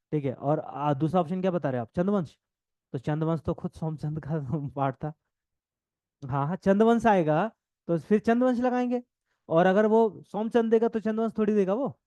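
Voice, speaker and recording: A man teaching a coaching class, dictating notes and repeating phrases, talking fast and joking with students now and then. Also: fairly high pitch, warm tone, no room sound, lo-fi sound. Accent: north Indian Hindi. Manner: jokes with students, laughs often.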